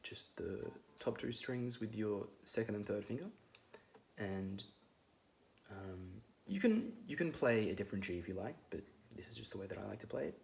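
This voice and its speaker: A man with a hoarse voice giving a relaxed guitar lesson, rambling with many fillers as he explains the chords. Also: lowish voice, normal speed, a little hiss or hum. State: losing his voice. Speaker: guitar teacher. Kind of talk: casual guitar tutorial. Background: his own loud acoustic guitar playing.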